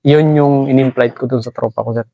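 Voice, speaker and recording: A man from Basilan, an army sergeant, answering interview questions deferentially and haltingly, tacking "sir" onto nearly every phrase. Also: medium pitch, steady tone, vocal fry, warm tone, no room sound. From Basilan, Philippines.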